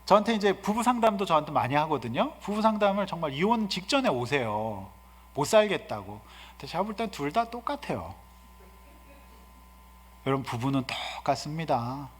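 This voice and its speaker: A man in his fifties, a guest pastor preaching a sermon, swinging from soft asides to loud exhortations. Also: sits high, breathy edge. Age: 50s. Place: church sanctuary. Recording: hall reverb in a church.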